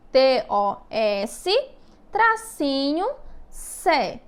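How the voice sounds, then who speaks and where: A woman teacher giving a recorded lesson to young children, speaking patiently, stretching out syllables and often checking in with her listeners. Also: high-pitched. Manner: slow, patient, drawn-out syllables with frequent check-in questions.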